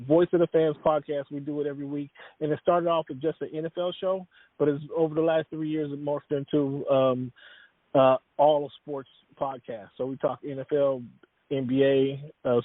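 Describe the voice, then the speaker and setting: A man with a slightly high voice is interviewed about his job as a sports writer, rambling casually with many fillers and restarts. The line is dry and tinny, like a phone, with no echo.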